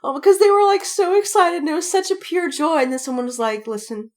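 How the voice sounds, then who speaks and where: Speaking at a quick pace with an extremely high pitch, this podcast co-host spins animated stories. She giggles and performs the reactions from each tale in a casual, chatty way.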